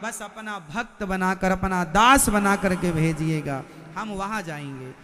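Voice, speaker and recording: A man delivering a devotional sermon before a live audience, speaking slowly and emphatically, breaking into sung verses and putting questions straight to his listeners. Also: high-pitched, bright, forceful tone, in a large hall. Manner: slow, emphatic, addresses listeners directly with questions. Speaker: preacher of religious storytelling.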